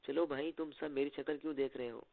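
A wisecracking young spy, as a male storybook reader voices him with a gravelly, fry-tinged voice. He teases everyone in an easy, playful way. The sound is thin and tinny, like a phone line. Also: fairly high pitch, fairly even intonation, brisk. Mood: joking. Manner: playful, bantering. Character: joking, teasing young male secret agent.

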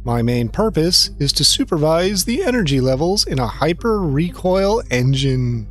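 A man voicing a stiff male service droid that explains its functions slowly. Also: a little high, very animated, faint music behind. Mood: matter-of-fact.

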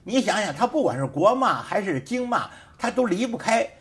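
A man's voice: sits high, very animated, normal speed, a bit bright. A man who hosts a show and teaches sociology, giving an emphatic, repetitive political commentary full of rhetorical questions in a studio. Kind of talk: casual political commentary monologue.

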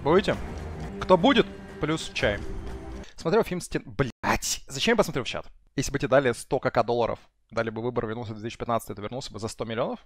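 A man's voice: mid-range voice, expressive, fast talker, faint music behind. A man in his thirties chatting casually on a gaming stream, swearing and repeating himself in a self-deprecating way. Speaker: live game streamer. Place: small room indoors. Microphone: headset boom mic.

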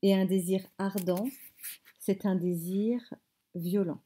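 A woman teacher reading a novel aloud in measured phrases, stopping to explain words. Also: mid-range voice, steady tone, mellow, husky. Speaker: French teacher.

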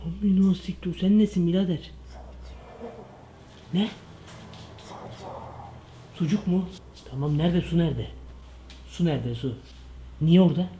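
A young man in a comedic parody vlog, talking in an excitable, slangy way with jumpy asides. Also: high-pitched, measured pace, pauses often, slight background noise. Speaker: comedy vlogger.

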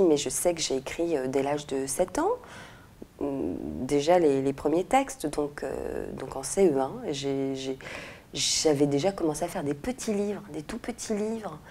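An author in her forties from France and Morocco gives reflective interview answers in a low, mellow voice, searching for words with many hesitations and restarts. She sits in an armchair in an indoor room with red walls, wearing a lapel mic.

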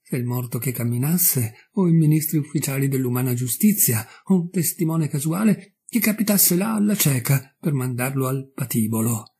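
A man from Italy narrating a classic story aloud with a measured, expressive delivery. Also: medium pitch, husky. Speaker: audiobook narrator. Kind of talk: dramatic literary reading.

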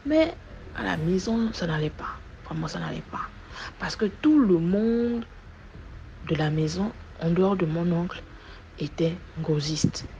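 A woman giving a personal testimony, retelling events in an animated way, with sudden loud rises and repeated words. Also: fairly low pitch, unhurried, vocal fry. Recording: muffled recording with faint background noise.

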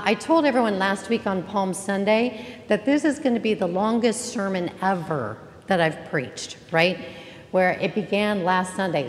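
A woman pastor giving an Easter sermon in a church, chatty and joking as she welcomes the congregation. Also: mid-range voice. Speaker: interim pastor. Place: church sanctuary. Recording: reverberant church hall, faint ambience.

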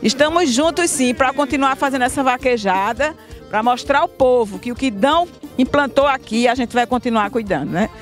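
A woman's voice: high voice, moderate pace. A middle-aged woman with a Northeastern Brazilian accent giving an informal thank-you speech outdoors on a handheld mic, often adding tag questions. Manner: frequent tag questions seeking agreement. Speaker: family member of the event organisers giving thanks. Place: outdoors, standing before a group. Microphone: handheld microphone. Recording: outdoor report with faint music bed.

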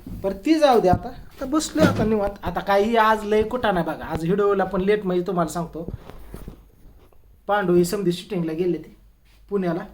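A comedian talking to camera in a comic vlog, telling stories in an exasperated, grumbling way. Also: male voice, high voice, moderate pace, background noise.

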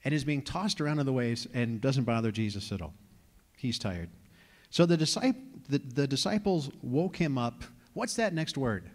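A man's voice: medium pitch, lively intonation, normal speed, a little mellow. A man in his forties from New York, preaching a sermon as lead pastor and telling wry, conversational stories. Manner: joking, conversational storytelling. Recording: long reverb of a large hall.

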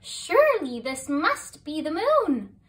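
Lady doing a plucky tiny moth girl, super excited, squeaky high, a bit far from the mic. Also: slow, exaggerated voice. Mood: eager. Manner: eager, exclaiming. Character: plucky little girl moth dreaming of space.

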